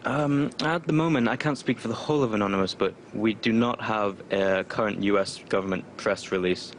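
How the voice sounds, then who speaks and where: A man speaking through a disguise that makes his voice sound deeper. He is a spokesperson answering interview questions over a remote call, defiant and loose, with many fillers. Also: a little fast, a little hiss or hum. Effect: voice disguised lower. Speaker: spokesperson for online activist group. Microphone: remote call connection.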